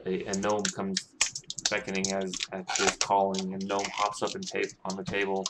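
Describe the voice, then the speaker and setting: A man narrating a tabletop game as game master, halting and full of restarts. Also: deep voice, monotone. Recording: noisy with clicking.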